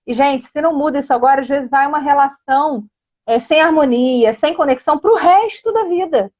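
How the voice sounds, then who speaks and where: A Brazilian woman coach talks to her viewers with earnest emphasis, her voice sitting fairly high. The live-stream sound is dull and muffled. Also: brisk, a little mellow. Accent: Brazilian Portuguese. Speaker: child education coach, live guest. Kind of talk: casual live-stream talk.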